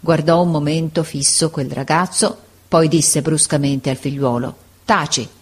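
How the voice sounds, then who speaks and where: A woman reading a classic children's novel aloud, with measured and expressive storytelling. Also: sits low, slightly rough. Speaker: audiobook reader.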